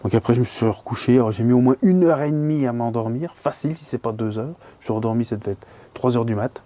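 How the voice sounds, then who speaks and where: Talking fast in a warm, medium-pitched voice on a dry recording, a man casually shares a scary story from a fishing trip. The angler rambles with plenty of fillers and colloquial phrasing, and he whispers when the tension rises.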